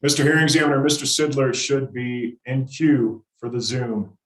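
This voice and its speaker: A man's voice: medium pitch, normal speed. A man acting as an attorney at a formal hearing, giving brief, courteous replies over a video call. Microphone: video call, away from the mic. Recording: roomy and distant call audio.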